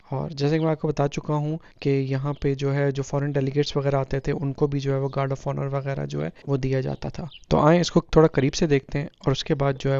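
A man's voice: medium pitch, creaky, a little mellow, clean tone, dull audio. A man giving casual travel vlog commentary at a historic site, rambling and heavy on filler phrases. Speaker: travel vlogger. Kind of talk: reflective voice-over narration.

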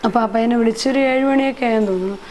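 Middle-aged woman, kinda high voice, halting and repeating herself, faint noise behind. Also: darkish tone. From Kerala, India. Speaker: interviewee, mother. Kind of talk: emotional personal account.

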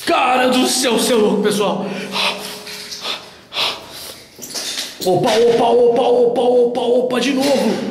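A Brazilian man speaking in a nervous hush as he hosts a night ghost-hunting vlog, repeating short words. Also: very high voice, fairly even intonation, moderate pace. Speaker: host of a paranormal investigation vlog. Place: dark abandoned tiled building, indoors at night. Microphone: handheld camera. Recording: echoey empty building, long reverb, music behind.

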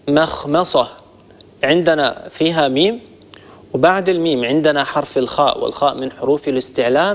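A man teaching Quran recitation, patiently explaining each point step by step and slowly demonstrating the sounds to a group of listeners. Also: on the high side. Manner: addresses listeners warmly as a group. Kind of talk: instructional lesson on pronunciation. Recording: long reverb, dull lo-fi sound.

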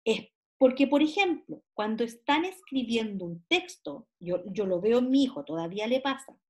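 Woman teacher, slow explaining. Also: on the high side, sing-song. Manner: explains slowly, stretches example words, asks rhetorical checks. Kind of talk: classroom lecture.

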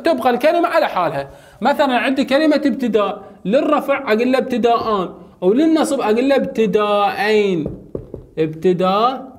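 A young adult male teacher with an Iraqi Arabic accent, giving a chatty lesson and asking his students questions, then answering them himself. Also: very high-pitched. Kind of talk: casual classroom lecture.

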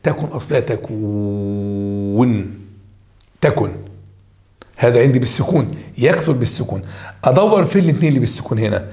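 A man with an Egyptian accent teaches a grammar lesson at a quick clip. His voice sits at a medium pitch, and he talks emphatically, hammering key points home and addressing his students directly. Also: animated, warm tone. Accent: Egyptian Arabic. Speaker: high school Arabic teacher. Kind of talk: walking through grammar homework answers.

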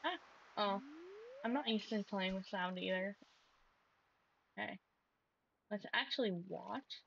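A woman's voice: medium pitch, unhurried, vocal fry, a bit bright, lo-fi sound, slight background noise. A young woman streamer giving casual, chatty, self-deprecating commentary while she plays a game, with frequent exclamations.

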